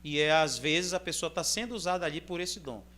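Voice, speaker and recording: A man with a Brazilian accent, reading scripture aloud in measured phrases and then explaining it in a loose, conversational sermon style. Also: a little high, bright, forceful tone. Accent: Brazilian Portuguese. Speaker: preacher. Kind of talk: Bible reading and informal sermon commentary.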